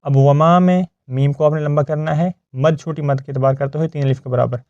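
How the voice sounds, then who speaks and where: A man teaching Quran recitation step by step. He explains each rule patiently, checks often that the listener follows, and recites the verses slowly and drawn out. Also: fairly high pitch, fairly even intonation, darkish tone, dry recording, highs cut off.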